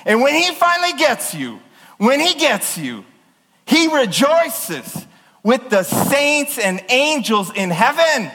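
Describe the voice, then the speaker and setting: Preaching slowly in a sing-song manner, a pastor's fairly high voice rises and falls in wide arcs as he delivers a fervent, emphatic sermon. His voice rings through a large church with a long reverb, and he stresses key words so hard he nearly yells.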